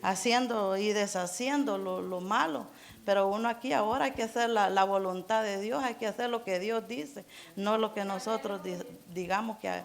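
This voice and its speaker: A middle-aged woman preaching informally to a congregation, her delivery earnest and halting. She stumbles, restarts phrases and circles back to urge her listeners, her voice sitting at an ordinary middle pitch for a woman. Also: gravelly. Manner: halting, earnest, many restarts and repeated words; keeps urging listeners to imagine. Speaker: church member preaching. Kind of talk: informal Spanish-language church sermon.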